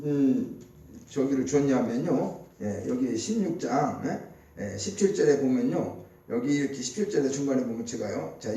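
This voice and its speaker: A man's voice: mid-range voice, mellow, reverberant, far from the mic. A man preaching a sermon as pastor, talking conversationally and asking his listeners rhetorical questions. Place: church sanctuary.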